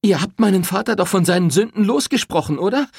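A man reading an audiobook, voicing a furious, defiant young woman who shouts her accusations. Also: sits high, lively intonation, fast talker, vocal fry, breathy edge, dry recording, clean studio sound, voice pushed up, exaggerated voice. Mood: accusing. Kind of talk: audiobook character voice.

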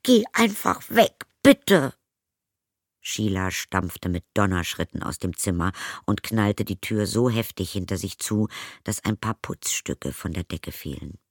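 A man with a very low voice narrates a children's story, lively and expressive, and speaks to the young listeners directly. The recording is dry, with no room sound. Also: unhurried, dry recording. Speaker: audiobook narrator.

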